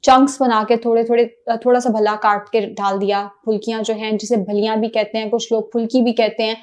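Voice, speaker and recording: A woman's voice: a little high, level tone, fairly quick, a little mellow. A woman giving plain, step-by-step diet instructions, with English words mixed in. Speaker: diet planner.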